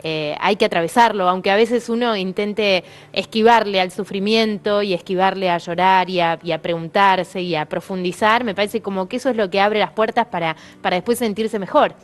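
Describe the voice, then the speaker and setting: A woman's voice: mid-range voice, a little fast, few pauses. A woman with an Argentine accent hosting a panel interview, asking conversational questions that she rephrases as she goes, seeking agreement. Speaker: TV panel host.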